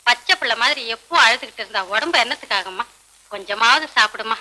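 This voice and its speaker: A gently coaxing woman friend. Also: on the high side, animated, fast talker, poor audio. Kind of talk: 1940s film acting.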